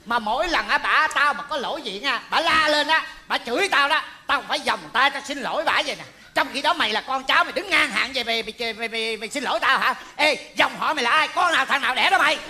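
A man's voice: lively intonation, sharp tone, exaggerated voice. A man playing a hot-tempered effeminate stepuncle who flies into a rage and then apologizes, in a live stage comedy skit. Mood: ranting. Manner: shrill scolding, quick to rage then apologize. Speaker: comic stage actor.

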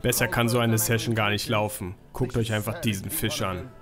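A man's voice: fairly low pitch, steady tone, moderate pace, music in the background. A man in his thirties narrating a carp fishing travel vlog, speaking with enthusiasm and exclaiming over big fish. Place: outdoors by a lake.

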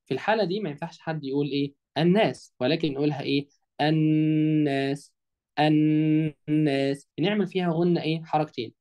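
A man with an Egyptian Arabic accent teaching an online Quran lesson. He quizzes his listeners with prompting questions and stretches words out slowly to show how they are pronounced. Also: on the high side, darkish tone. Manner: drawls words slowly to demonstrate pronunciation.

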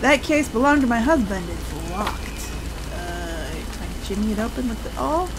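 A woman's voice: mid-range voice, animated, normal speed. A woman co-hosting a game playthrough, reading text casually with playful, dry asides. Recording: clear noise and game sound behind.

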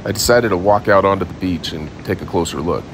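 A man in his forties or so, filming a casual travel vlog on a phone at arm's length, narrates in a laid-back, informal way. His voice sits low and moves at a quick pace. He's outdoors on town streets and the beach, with background noise present.

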